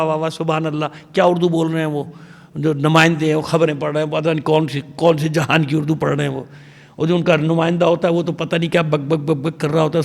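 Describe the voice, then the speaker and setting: A man's voice: high voice, gravelly, pushed and bright. A man, a religious scholar, giving an emphatic, digressive sermon lecture and pleading with his listeners. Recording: long hall reverb.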